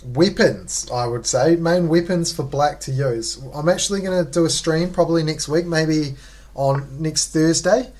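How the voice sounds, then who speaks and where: A man's voice: fairly high pitch, unhurried, darkish tone. A man with a New Zealand accent giving casual, slangy commentary on a live game as he chats to viewers. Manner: laid-back, slangy, chatting to viewers. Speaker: chess streamer.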